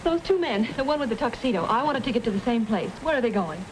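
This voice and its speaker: A high-voiced, insistent young lady played by an actress fires off quick screwball banter. She has the urgent style of a 1930s comedy film, and the old soundtrack is clearly noisy. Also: lively intonation, natural voice. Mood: urgent pleading. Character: insistent, resourceful young lady chasing a crook.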